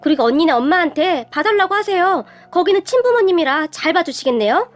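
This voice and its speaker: A woman voicing a furious young sister-in-law who yells shrilly in an audio story. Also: sing-song, brisk. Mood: sarcastic. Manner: shrill yelling.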